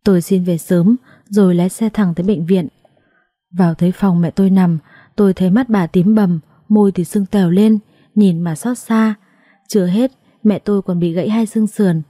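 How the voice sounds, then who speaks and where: A woman narrating a dramatic first-person family story in a brisk, vivid way. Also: mid-range voice, steady tone, dark tone, no room sound, studio quality.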